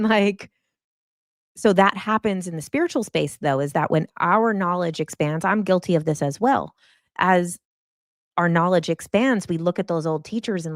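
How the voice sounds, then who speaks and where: A woman's voice: lowish voice, no room sound, studio quality. A woman hosting a casual spiritual chat, talking loosely and rambling with lots of "like" and "you know". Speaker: podcast host and spiritual coach.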